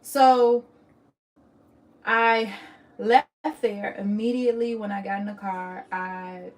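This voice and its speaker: A woman's voice: medium pitch, steady tone, takes it slowly. A young woman telling a personal story on her vlog, emotional and candid, often restarting her sentences. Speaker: vlogger.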